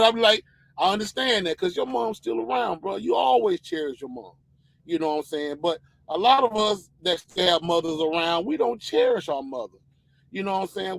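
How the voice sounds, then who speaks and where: A man's voice: high voice, vocal fry, a bit bright, no echo, poor audio. A man, co-hosting a podcast in a loose, rambling opinion rant. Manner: loose, rambling, repeats "you know what I'm saying". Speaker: podcast co-host.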